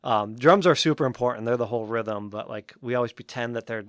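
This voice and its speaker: A man's voice: mid-range voice, fast, no echo, studio quality. Laid-back rambling man telling a story. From Western Massachusetts. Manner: rambling, many fillers like "like" and "um". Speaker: podcast co-host. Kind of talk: casual storytelling chat.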